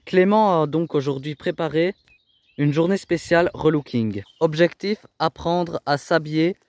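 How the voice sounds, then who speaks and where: A man's voice: a little high, measured pace, darkish tone, dry recording. A man delivering scripted reality TV voice-over with emphatic, dramatic phrasing. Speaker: narrator.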